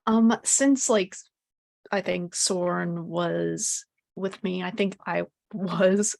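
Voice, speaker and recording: Female tabletop player, medium pitch, casual halting chatter sprinkled with fillers, very dry sound. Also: vocal fry, dry recording. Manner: halting, filler-heavy, frequent "like". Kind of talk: casual improvised role-play chat.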